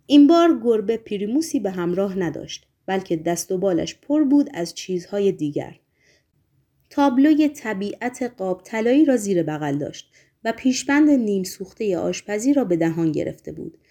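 A woman narrating an audiobook in a steady, measured way. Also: mid-range voice.

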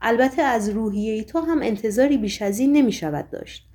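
A woman voicing a weary, sorrowful man who speaks calmly, earnestly and apologetically. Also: a little high, natural voice. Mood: calm, sad.

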